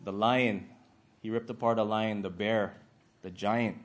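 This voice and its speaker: A man's voice: fairly low pitch, steady tone, measured pace. A man from Hawaii with a Hawaiian Pidgin-influenced accent, giving a church lesson in an earnest, slightly nervous way with many fillers. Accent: Hawaiian Pidgin-influenced English.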